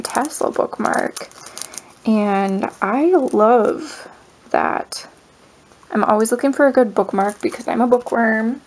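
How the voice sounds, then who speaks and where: A woman in her thirties chatting through an unboxing, slow and drawn out, with a gravelly fry to her voice. She gasps and gushes over each little gift, and faint noise sits under the recording. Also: fairly high pitch, poor audio. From United States. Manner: gushing, gasping, lots of "oh my gosh"; slow, drawn-out speech with soft breathy asides. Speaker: crafter unboxing a mail swap. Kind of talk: casual unboxing vlog.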